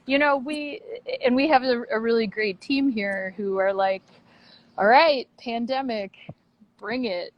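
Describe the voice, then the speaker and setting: The audio sounds dull, and her slightly high voice is unhurried. Upbeat and talkative, the puppet theater director joins a video interview on a phone or laptop, walking between the theater's exterior and its lobby.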